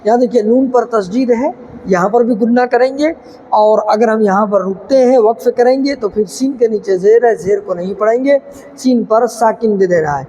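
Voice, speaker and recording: A male Quran teacher who explains recitation rules quickly and then recites each word slowly and drawn out. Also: high voice, warm tone, in a large hall, highs cut off. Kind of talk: tajweed recitation lesson.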